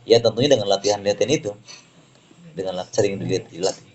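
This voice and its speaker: A man teaching tajwid, explaining slowly, repeating words and reciting examples for students to echo. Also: lowish voice, a little mellow, muffled recording.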